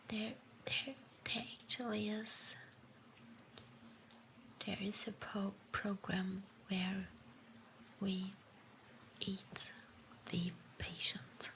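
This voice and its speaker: A woman's voice: medium pitch, little pitch movement, very slow, long pauses, fairly bright tone, a little hiss or hum. A woman with a German accent doing a whispered role-play as an office clerk, hesitant, playful and reassuring, close on a binaural microphone. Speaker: ASMR performer playing an office clerk.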